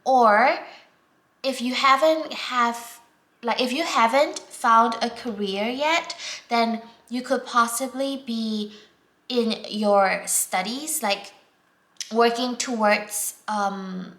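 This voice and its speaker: A Singaporean woman with a fairly high voice gives a casual tarot reading, gentle and unhurried and full of fillers, sinking to almost a whisper whenever she draws a card. The room is echoey, with faint noise in the background.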